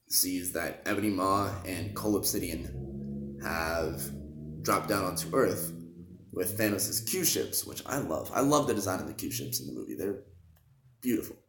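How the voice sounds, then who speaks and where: A young man casually recapping a movie plot, rambling with fillers and throat-clearing, with sudden excited bursts. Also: low voice, reverberant. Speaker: movie reviewer.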